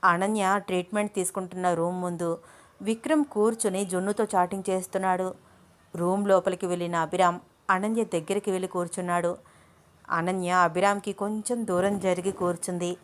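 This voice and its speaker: A woman storyteller narrating an audio love story in a calm, explanatory way. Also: lowish voice, a little fast.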